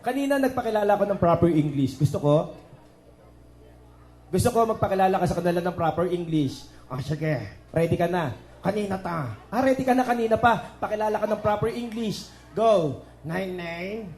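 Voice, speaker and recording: A joking, high-voiced man works a children's party as the magician, teasing and coaxing kids and guests with lively crowd banter. He talks a little fast with lively intonation and a slightly mellow tone. His handheld microphone feeds the PA speakers of an indoor venue, giving an echoey sound over background party music.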